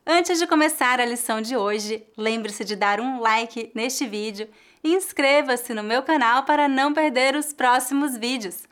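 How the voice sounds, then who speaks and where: A woman with a Brazilian Portuguese accent teaches pronunciation in a slow, unhurried delivery. Her voice sits a little high, and she says each word clearly and repeats it so learners can follow. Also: fairly bright tone. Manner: slow, carefully articulated, repeats words for learners. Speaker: language teacher. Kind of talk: scripted pronunciation lesson.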